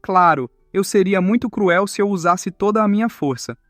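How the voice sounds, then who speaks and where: A man's voice: high-pitched, moderate pace, a bit bright, no room sound, studio quality, soft background music. A man voicing a cocky, hot-tempered young man who swears and complains.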